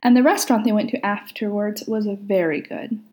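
A woman narrating a story aloud in a calm, even storytelling manner. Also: medium pitch, normal speed. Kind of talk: reading fan fiction aloud.

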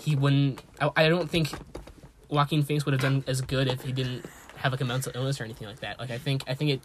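A man's voice: mid-range voice, flat delivery, fast, background noise. A young man co-hosting a podcast with friends, casual and hesitant, full of ums and restarts. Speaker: podcast co-host. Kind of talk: casual chat.

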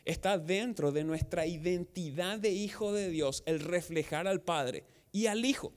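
A man with a Paraguayan Spanish accent preaching a sermon as pastor, asking the congregation rhetorical questions and acting out quotes. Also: high voice. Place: outdoor church service.

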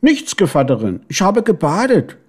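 A man's voice: high voice, wildly swooping pitch, normal speed, slightly rough, pitched above the performer's own voice, heavily acted. A man doing a whiny little boy beetle. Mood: chirpy. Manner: pleading, tearful. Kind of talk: storybook reading.

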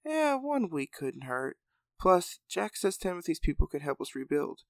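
Ma, easygoing tough heroine put on by a man, raised a bit in pitch, gravelly, storybook reading. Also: sing-song, a little slow, no room sound, clean studio sound, exaggerated voice. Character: tough woman hero, laid-back leader.

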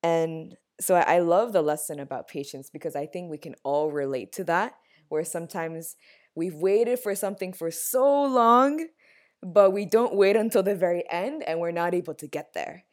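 A woman's voice: lowish voice, moderate pace, a little mellow. A woman interviewing a guest, speaking thoughtfully and earnestly, with occasional small restarts. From United States. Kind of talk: reflective conversational interview.

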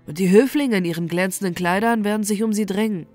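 A woman's voice: mid-range voice, quick pace, a little mellow, faint music behind, lightly acted. A woman voicing a lovesick, despairing young male student in a bedtime storybook reading, lamenting in a dreamy way. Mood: longing.

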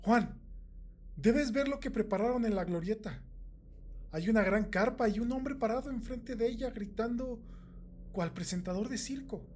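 A man voicing an excited, breathless teenage girl who talks in an eager rush. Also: high-pitched, slight background noise. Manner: eager, rushed talk.

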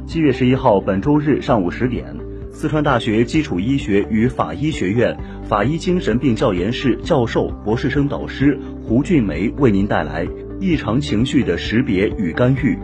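Male announcer reading event info, lively, music under. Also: mid-range voice, moderate pace, hardly any pauses. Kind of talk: scripted lecture announcement.

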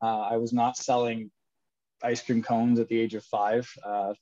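A Canadian entrepreneur in his thirties chats casually as an interview guest, upbeat and joking, laughing often. His voice is mid-range and dark, unhurried with little pitch movement, captured in dull lo-fi sound.

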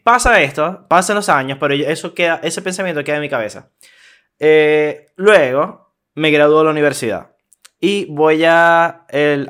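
A young man with a Venezuelan accent, casually telling a story on a podcast, slangy and animated, acting out what people said. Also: a little high. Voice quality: animated, slangy, acts out quoted voices. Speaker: podcast co-host.

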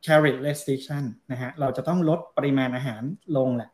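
A man who is a doctor, talking through health advice on a podcast in a relaxed, explanatory way with soft polite phrase endings. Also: medium pitch, a little slow. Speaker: doctor, guest expert.

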